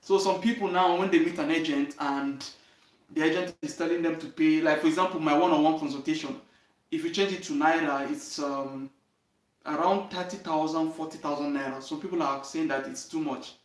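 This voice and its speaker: A young man with a Nigerian accent tells his own story straight to his viewers. His voice sits slightly high and his delivery is earnest, dotted with "okay?" and "you understand?". He sounds set back from the mic in a roomy, echoing space. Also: fairly even intonation, brisk. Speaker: channel host. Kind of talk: direct-to-camera life story talk. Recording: roomy echo, voice from a distance.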